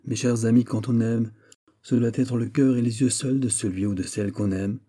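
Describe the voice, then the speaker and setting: Man reading as a soft earnest young girl, pleading, dark husky voice underneath. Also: medium pitch, fairly even intonation, moderate pace, close to an everyday voice. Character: gentle, earnest young woman, sorrowful.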